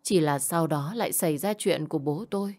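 A woman reading a first-person story aloud in a soft, subdued, sorrowful way. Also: low-pitched, fairly quick.

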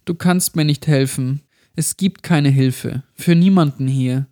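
A man's voice: a little high, expressive, unhurried, darkish tone. A man voicing a tortured little girl in a horror story, speaking in a raised, thin voice that turns bitter and accusing. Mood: enraged. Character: mutilated little girl, weak then enraged.

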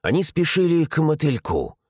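A man narrating a first-person adventure audiobook in an animated, dramatic reading. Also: on the high side, moderate pace, breathy edge, no echo, clean studio sound.

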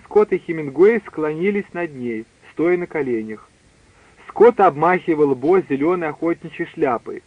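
A man narrating a story in a steady, measured reading. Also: a little high, no room sound. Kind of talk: scripted audiobook reading. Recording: dry tinny phone-like line.

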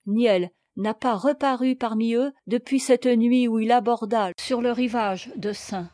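Woman reader voicing a gentle, grave old monk; slow and mellow, storybook. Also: fairly high pitch, no room sound, studio quality, lightly acted.

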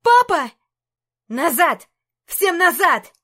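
A woman's voice: on the high side, measured pace. A woman voicing a young princess who gives firm, raised-voice commands. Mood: alarmed command. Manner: stern, raised voice.

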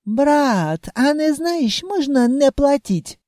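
A reader voicing an effusive, jolly male wizard who runs a kebab house and speaks broken Russian with loud exclamations. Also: sits high, slow pace, no room sound, studio quality, pitched above the performer's own voice. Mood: sly. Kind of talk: audiobook character voice.

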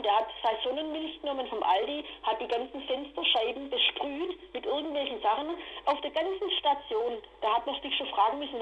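Agitated woman, high voice. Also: highs cut off. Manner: agitated, indignant, rushed retelling. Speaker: interviewee. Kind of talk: emotional personal account.

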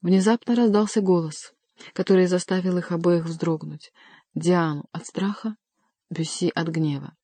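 Woman reading an audiobook, measured, mellow warm voice, dry close mic. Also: fairly low pitch, fairly even intonation, no room sound. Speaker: audiobook reader. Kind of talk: scripted narration.

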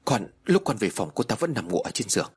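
A man's voice: on the low side, very animated, a little fast, husky, faint music behind, exaggerated voice. A man voicing a panicky, anxious young husband who stammers in alarm. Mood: panicked.

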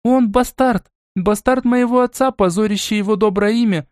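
In this audiobook, a spoiled young noble girl voiced by a man speaks in a high, shrill tone, full of scorn and demands. The sound is dry and close, with no room behind it. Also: normal speed, a little mellow, no echo, lightly acted. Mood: scornful.

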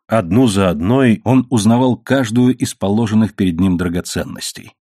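Male audiobook narrator, measured delivery, lowish voice, dry close mic. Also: dark tone, dry recording. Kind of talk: scripted narration.

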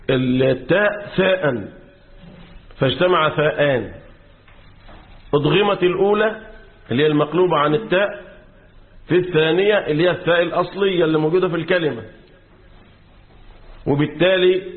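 An Egyptian man lectures a class on Quran commentary, repeatedly prompting students to finish his sentences and repeating key words as he explains. His voice sits a little high for a man, with an Egyptian Arabic accent, and the recording is thin and phone-like.

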